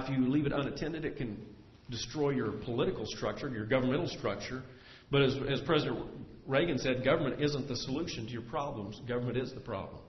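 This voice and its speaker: A male pastor preaching a sermon in earnest, swelling louder and slowing down to stress his points. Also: mid-range voice. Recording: echoey hall, dull lo-fi sound.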